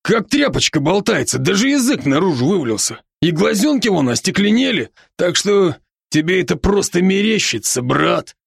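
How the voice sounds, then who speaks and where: A man playing a brash gravelly werewolf buddy. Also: sits high, very animated, dry recording, studio quality, full character voice. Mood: brash teasing. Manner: brash, teasing, rapid-fire banter. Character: boisterous, joking adult male werewolf friend. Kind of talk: audiobook character voice.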